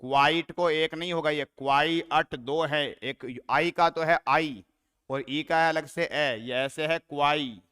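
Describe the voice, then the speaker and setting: Slow, clear-voiced male teacher. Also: on the high side, fairly even intonation, sharp tone. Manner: slow, methodical, counts syllables aloud. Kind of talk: classroom poetry lesson.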